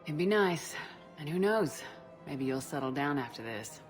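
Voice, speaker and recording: A woman's voice: deep voice, animated, moderate pace, faint music behind. A woman playing a confident military commander in a video game, composed and direct with a dry wit. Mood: gentle. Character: steady, wry female military commander, confident.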